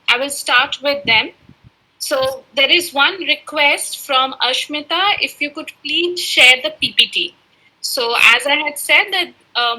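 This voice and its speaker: This webinar moderator is a woman whose first language is Urdu, and her voice is high and bright. She keeps the moderation formal and polite, deferring to the speaker and addressing him as sir, though the audio quality is poor.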